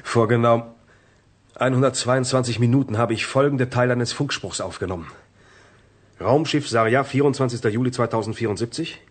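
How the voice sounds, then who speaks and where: A man's voice: mid-range voice, slightly rough, close to an everyday voice. An actor playing a matter-of-fact male radio operator giving dry reports in a radio drama.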